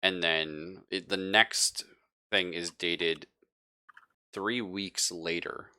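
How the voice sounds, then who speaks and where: With fairly even intonation and drawn-out words, a man runs a tabletop horror game, improvising narration in a chatty, emphatic style and paraphrasing as he explains. His voice is deep, bright, forward, clear and resonant, recorded in studio quality with no room sound.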